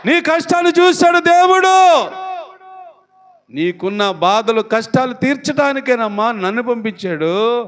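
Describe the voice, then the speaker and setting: A man preaching in a high voice, acting out a gentle angel who comforts a weeping mother with tender, coaxing words. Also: animated, measured pace, long pauses. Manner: tender, coaxing, repeats endearments.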